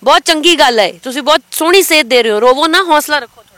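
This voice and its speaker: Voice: high voice, lively intonation, rapid-fire, pushed and bright, dry recording. An interviewer asking questions and offering soothing encouragement.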